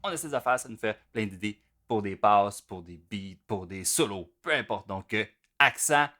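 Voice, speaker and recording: Man teaching drums, low voice. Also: normal speed. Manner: relaxed, conversational, with many fillers. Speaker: drum teacher. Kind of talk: casual spoken instruction. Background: drum playing.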